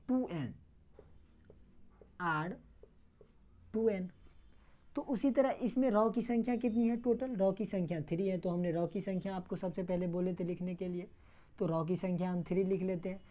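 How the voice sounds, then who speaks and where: Mellow-voiced woman teaching step by step. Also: medium pitch. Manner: repeats questions and answers them herself, step by step. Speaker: math teacher. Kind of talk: classroom lecture.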